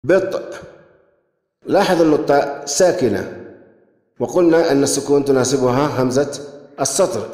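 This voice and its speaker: A man teaching a grammar lesson, asking questions and then praising the answers, and reading example words slowly and carefully. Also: medium pitch, a little mellow. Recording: echoey room with long reverb.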